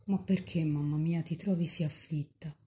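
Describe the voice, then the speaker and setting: A young woman mystic lost in rapture, as a nun reads her words aloud, pleading with Mary in a fervent, tender prayer. The voice sits low and mellow. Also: steady tone, moderate pace, close to an everyday voice.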